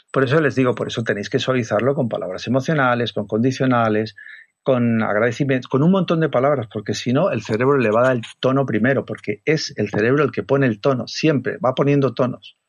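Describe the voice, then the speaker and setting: Man, Spain Spanish accent, interview guest, animated, acts out voices, dull muffled recording, dry sound. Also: mid-range voice, slightly rough, dry recording. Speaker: communication trainer, guest. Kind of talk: explanatory interview talk.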